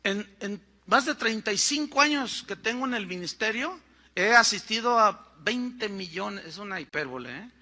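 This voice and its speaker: A man's voice: sits high, animated, normal speed, pushed and bright. An older Mexican man, a pastor, preaching a sermon in a conversational storytelling way, with frequent asides to the congregation.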